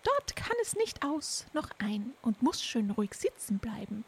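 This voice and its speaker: A bossy old mother toad from a storybook, ugly and plotting, who croaks her orders in a shrill, high voice that swoops all over the place. Her fussy delivery sounds a little off-mic, as a woman reading the tale puts her on. She drawls slowly. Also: big pitch swings, heavily acted. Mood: scheming. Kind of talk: storybook character voice.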